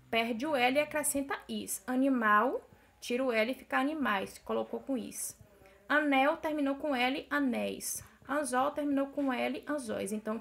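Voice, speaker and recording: A woman's voice: on the high side, gravelly, a bit bright. A young adult Brazilian woman teacher with a Brazilian Portuguese accent, explaining a grammar lesson in a recorded video class and checking in with "né?". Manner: explanatory, repeats "né?" to check understanding.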